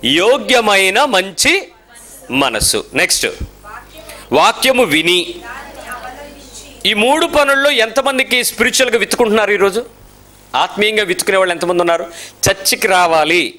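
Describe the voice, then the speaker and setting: A man preaching a lively sermon in church, firing rhetorical questions at his listeners and slipping English phrases into his speech. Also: sits high, normal speed, pauses often. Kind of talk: sermon to a congregation.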